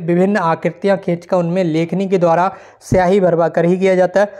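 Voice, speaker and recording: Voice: medium pitch, a little mellow. A teacher giving an online exam-prep lesson, reading each question aloud and explaining its answer point by point with frequent check-ins to the students.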